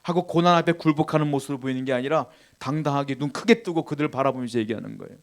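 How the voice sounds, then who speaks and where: A male pastor preaching a sermon, questioning the congregation and swinging between forceful emphasis and quiet asides. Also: mid-range voice, racing, gravelly. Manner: emphatic preaching with rising and falling intensity, asks the congregation questions.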